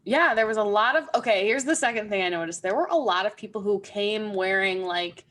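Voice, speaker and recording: A woman co-hosting a podcast over a video call, telling her stories in a matter-of-fact, plainspoken way. Her voice sits at an ordinary middle pitch. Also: brisk, fairly bright tone. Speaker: podcast co-host.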